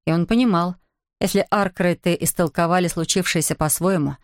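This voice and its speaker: A woman narrating a fantasy novel aloud with an even, measured storytelling delivery. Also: lowish voice, no echo, clean studio sound. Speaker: audiobook narrator. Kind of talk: scripted narration.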